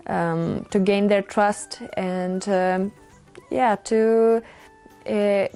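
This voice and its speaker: A woman from Lithuania, a nurse volunteering abroad, speaking reflectively with frequent fillers and pauses. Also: mid-range voice, little pitch movement, mellow, clean tone, faint music behind. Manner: reflective, hesitant, many fillers. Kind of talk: interview testimonial.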